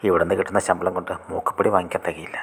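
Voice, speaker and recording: A man voicing a sly, corrupt male head clerk who talks in a hushed, mocking way. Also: sits low, flat delivery, racing, breathy edge, in a large hall, heavily acted.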